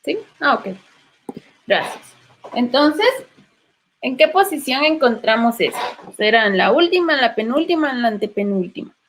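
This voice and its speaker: A woman's voice: high-pitched, animated, normal speed, long pauses, a bit bright, slight background noise. A woman with a Guatemalan Spanish accent teaching literature in an online class, patiently prompting students with questions.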